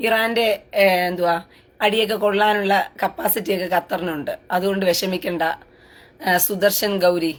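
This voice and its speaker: A woman's voice: mid-range voice, fairly even intonation, normal speed, long pauses. A woman hosting a live-stream commentary. She reads out viewer comments and answers them in a taunting, sarcastic, crude way.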